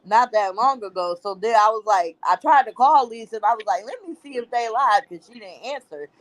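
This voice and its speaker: A woman recounting events in chatty casual talk on a live panel, full of "like". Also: on the high side. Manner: chatty, quick to laugh, uses "like" often. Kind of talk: casual chat. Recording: noisy mic.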